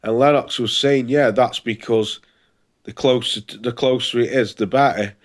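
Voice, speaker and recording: A man's voice: mid-range voice, moderate pace. A man with a congested, pinched-nose sound, hosting a casual boxing preview vlog in an informal, hesitant way, as if thinking aloud. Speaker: boxing channel host.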